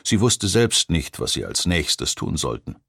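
A man narrating a thriller audiobook in a measured, even storytelling voice. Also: sits low, vocal fry, breathy edge, dry recording, clean studio sound. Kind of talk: scripted narration.

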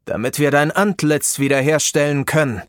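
A man voicing the calm, fatherly leader of a circle of wizards, speaking slowly and solemnly. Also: a little high, clean tone, no room sound, clean studio sound, lightly acted. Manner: slow, solemn and paternal.

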